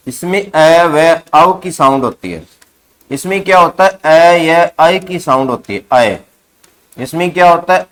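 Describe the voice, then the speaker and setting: A male teacher giving a grammar lesson, who asks the class questions, answers them himself and repeats key words. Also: a little high.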